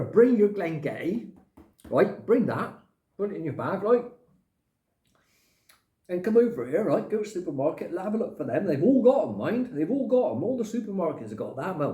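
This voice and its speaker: Man, casual vlog chat, rambling, mild swearing, lively pitch, slightly raised voice. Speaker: vlogger. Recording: echoey room.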